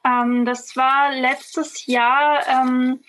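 A woman's voice: high-pitched, flat delivery, very slow, fairly bright tone, a little hiss or hum. A woman in her twenties, a medical student and podcast guest, speaking thoughtfully with many fillers. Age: 20s. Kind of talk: casual interview.

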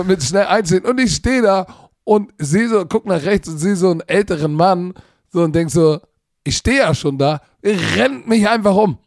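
Animated slangy man, dry mic. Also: high voice, dry recording. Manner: animated, slangy, acts out dialogue. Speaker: podcast co-host. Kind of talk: casual chat, storytelling.

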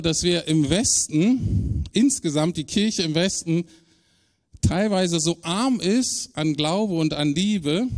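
A man preaching a sermon in a conversational way, speeding up and slowing down for emphasis. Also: a little mellow. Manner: conversational preaching, shifting pace and pitch for emphasis. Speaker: pastor.

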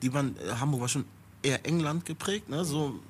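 A man's voice: a little high, brisk. Middle-aged rapper guy from stuttgart area, chatty casual podcast talk, faint hiss in the back. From Stuttgart area, Germany. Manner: loose and chatty, leans on "you know" tags. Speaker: rapper guest.

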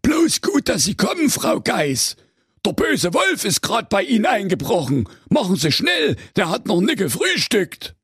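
A man's voice: high-pitched, wildly swooping pitch, measured pace, a bit bright, breathy edge, no echo, clean studio sound, pitched above the performer's own voice, heavily acted. A man voicing a cunning male fox in a comic storybook tale, talking in a wheedling, persuasive way. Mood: urgent. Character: sly cunning male fox, smooth talker.

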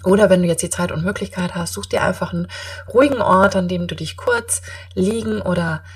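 A woman's voice: lowish voice, fairly quick, husky, recorded from a distance. A woman hosting a podcast, giving an encouraging self-help monologue straight to the listener, emphatically rephrasing her key points. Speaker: podcast host.

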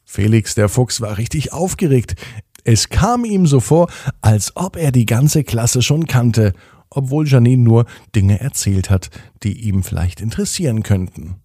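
Husky-voiced man reading a children's story. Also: unhurried, no echo, clean studio sound. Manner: gentle, expressive storytelling with playful pitch swings.

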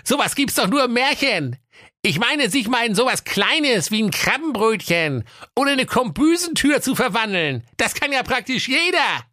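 A man voicing a cheeky, smug talking dog who flatters and taunts in a comic fairy-tale reading. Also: normal speed, no echo, studio quality, exaggerated voice. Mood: cheeky taunting. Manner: high squeaky falsetto, taunting and wheedling.

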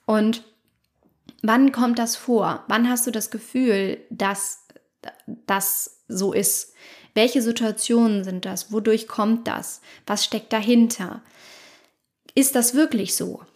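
Lively woman coaching on a podcast. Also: on the high side, slow pace. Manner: lively, acts out inner voices and asks many rhetorical questions. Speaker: podcast host and life coach. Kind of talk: motivational podcast monologue.

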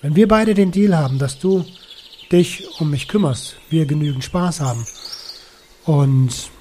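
Man putting on a pushy, slangy inner-voice buddy; slightly high, soft tone. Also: measured pace, a little hiss or hum, lightly acted. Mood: bargaining. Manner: demanding, slangy, coaxing.

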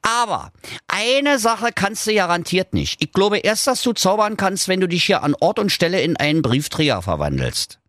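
A man voicing a cheeky, boastful male talking dog who teases and goads in a raised, lively voice. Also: high-pitched, moderate pace, no echo, studio quality, pitched above the performer's own voice. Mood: goading. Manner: cocky, teasing, mocking laughter.

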